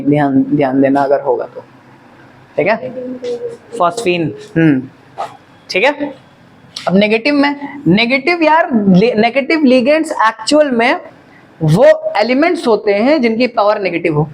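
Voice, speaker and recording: A man's voice: sits high, slight background noise. Man teaching chemistry to a class. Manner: quizzing students, answering own questions. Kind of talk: classroom lecture.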